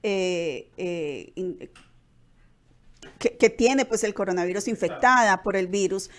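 A woman's voice: mid-range voice, slow. A middle-aged woman hosting a live web TV interview from a small studio, asking questions with many fillers and restarts. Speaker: host. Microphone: headphones and studio microphone.

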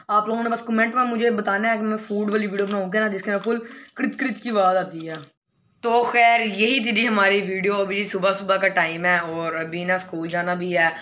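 A man's voice: high-pitched, bright, forceful tone. A man, chatting to viewers in a casual unboxing and mic-test vlog. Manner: chatty, talks straight to viewers, many fillers. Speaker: vlogger.

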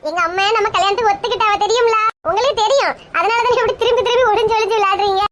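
A woman's voice: very high-pitched, fairly even intonation, rapid-fire, fairly bright tone. A woman with a Kanyakumari Tamil accent playing a giddy young bride-to-be in a comedy skit, bubbly and teasing. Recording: clear background noise.

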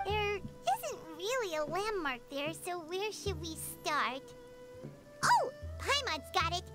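A tiny chirpy fairy companion in a game. Her voice is extremely high and squeaky, and her pitch swoops up and down with every eager line. She is bouncy, excitable and a little childlike. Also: slow pace, music in the background, heavily acted. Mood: pondering. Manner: speaks of herself in third person, bouncy and eager. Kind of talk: game voice acting.

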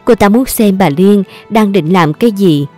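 A woman with a Southern Vietnamese accent narrating a family drama story in a steady, even way. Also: medium pitch, moderate pace, faint music behind.

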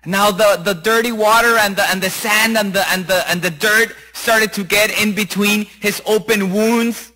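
A man preaching a sermon, retelling a Bible story with animated, acted-out voices. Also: high voice, normal speed, few pauses, slight background noise, rough recording. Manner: animated, acts out characters' voices.

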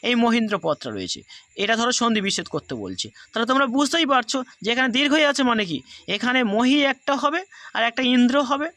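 A man's voice: extremely high pitch, sing-song, quick pace, sharp tone. A man teaching a grammar class, explaining the rules patiently and going over each step again. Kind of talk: recorded class lesson.

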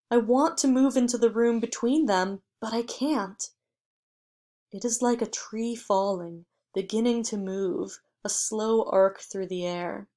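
A woman reading a short story aloud in measured, even first-person audiobook narration. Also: mid-range voice. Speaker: audiobook reader.

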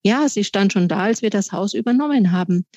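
A woman's voice: medium pitch, lively intonation, fairly quick, a little mellow, no room sound, lightly acted. A woman voicing a father in a storybook, in a plain, matter-of-fact tone. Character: a father, a calm adult man. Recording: dry, slightly dull recording.

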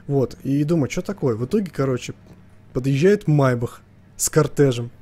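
A man's voice: medium pitch, expressive, moderate pace, warm tone. A man doing casual live commentary as a scared horror game streamer, jumpy and slangy, joking and swearing as he tells stories. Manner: joking storyteller, slangy and profane.

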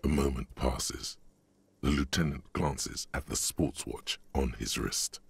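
Game narrator, extremely low, gravelly and husky, dry and measured. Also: male voice, dry recording, full character voice. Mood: wry. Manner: dry, wry, measured commentary. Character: grave gravelly male narrator of a detective's inner mind.

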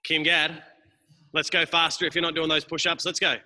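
A man's voice: on the high side, level tone, normal speed, pushed and bright. A man coaching a live workout, teasing and urging people on by name. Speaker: group fitness coach. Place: large gym studio. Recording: echoing gym hall.

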